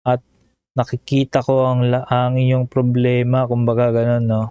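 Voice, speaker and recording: A man's voice: medium pitch, completely flat delivery, moderate pace, dark tone. A man vlogging casual reaction commentary over a video, chatty and emotional, often ending phrases with a questioning tag.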